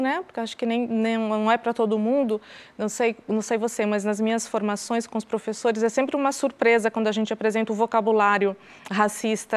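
Woman host asking questions, kinda high voice, hesitant, lots of restarts. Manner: thoughtful, hesitant, many restarts. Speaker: interviewer. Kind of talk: educational conversation.

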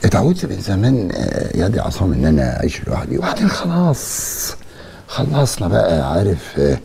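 Brief: a stubborn retired general uncle, Egyptian accent, dark rough voice, blustering. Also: male voice, huge pitch swings, brisk, slight background noise, full character voice. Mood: flustered. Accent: Egyptian Arabic. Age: older. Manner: blustering, stammering, pitch jumping high.

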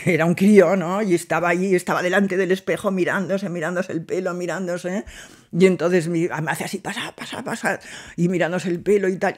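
A woman's voice: on the low side, darkish tone. An older woman, telling a personal memory to camera in a chatty, digressive way and acting out the dialogue. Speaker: host recounting a memory.

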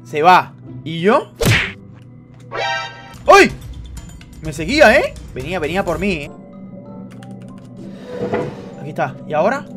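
A young man giving excited gameplay commentary, shouting when startled. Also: a little high, brisk. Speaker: gamer streamer. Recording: voice over game music.

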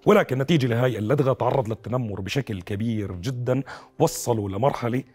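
Levantine guy hosting a tv talk show, mid pitch, really rapid talker. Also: a little mellow, slightly rough, faint music behind. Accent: Levantine Arabic. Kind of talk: presenting and interviewing. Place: TV studio. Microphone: lapel.

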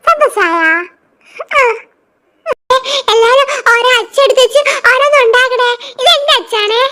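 A woman voicing children in a doll show, with a childlike, excitable delivery that turns to shrieks. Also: very high voice, measured pace, faint music behind.

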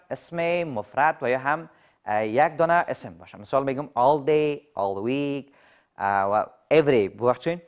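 A man teaching English in a TV lesson, asking viewers questions and repeating examples slowly. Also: on the high side. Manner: quizzes viewers with rhetorical questions.

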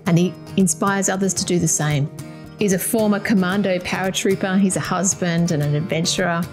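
A woman's voice: on the low side, fairly quick, over music. A woman in her forties hosting a podcast interview, earnest and thankful toward her guest, speaking on a video call. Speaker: podcast host. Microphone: headset and desk mic on video call.

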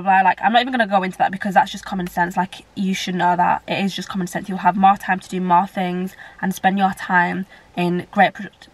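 A young British woman vlogs casually to camera at home, her medium-pitched voice captured on a low-quality recording. She rambles, dropping "like" and "blah, blah, blah" throughout.

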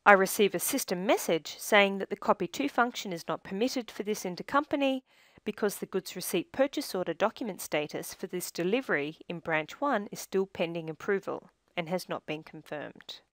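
Speaking at a medium pitch, a woman narrates a scripted software tutorial in a measured, teaching style. It was recorded close to the mic as a voice-over, with no echo.

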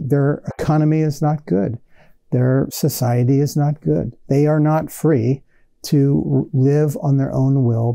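Man in his 40s giving a sermon, earnest teacher vibe, bit of fry, dry lapel mic sound. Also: mid-range voice, dry recording. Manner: earnest teaching tone, expressive hand gestures. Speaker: pastor. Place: small studio set with shelves.

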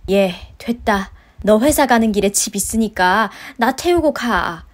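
In a story-radio drama, a woman whose voice is on the high side, a little slow and lively in intonation, voices an older mother-in-law who's pushy and guilt-tripping. She nags, scolding and wheedling with complaining sighs.

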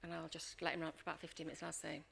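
Gravelly-voiced woman leading a workshop. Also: sits low, very fast, slight background noise. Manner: lively storyteller, acts out scenes, checks in with "Okay?". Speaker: leadership coach and workshop trainer. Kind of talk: workshop talk with acted-out anecdotes.

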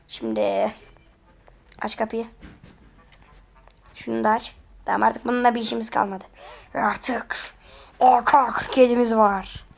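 A woman giving excitable let's-play commentary, often pleading and exclaiming while she plays. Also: on the high side, vocal fry. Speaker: gamer.

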